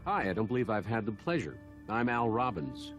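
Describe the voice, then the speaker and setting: An actor playing a genial, chatty medical examiner in a video game, with dry humor about gruesome findings. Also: male voice, on the low side, big pitch swings, brisk. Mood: genial, wry. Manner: chatty, dryly humorous, matter-of-fact about gruesome details. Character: genial, wry male medical examiner in a morgue. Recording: game dialogue with clear music underneath.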